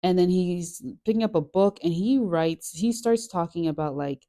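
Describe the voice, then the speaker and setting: A woman's voice: lowish voice, normal speed, warm tone. A woman hosting a casual Bible study chat, chatty and rambling, laughing often with lots of fillers. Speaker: host of a Bible study channel.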